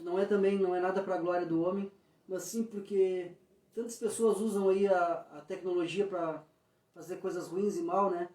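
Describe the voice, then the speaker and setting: High-voiced man leading Bible study. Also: darkish tone. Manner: earnest, repeats "Amém?" to listeners. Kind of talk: weekly Bible study talk and prayer. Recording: echoey, from far off the mic.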